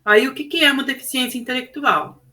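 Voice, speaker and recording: Woman, Brazilian Portuguese accent, teacher giving a class presentation, bright clear tone, explanatory. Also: high voice, fairly quick, rough recording. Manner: explanatory, many fillers like "né".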